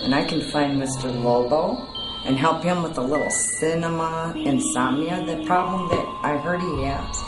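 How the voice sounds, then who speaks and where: A woman's voice: low voice, moderate pace. A woman speaking as a horror host, bantering in a sassy, flirtatious way. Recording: roomy sound with music behind. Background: music.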